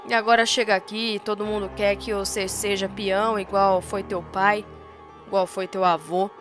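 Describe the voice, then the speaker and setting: A proud, weathered rancher father talks to his son in a low, muted, fatherly voice, as a woman narrator puts him on. Faint music runs behind him. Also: little pitch movement, moderate pace, close to an everyday voice. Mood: gentle. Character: gruff middle-aged rancher father, proud but tender.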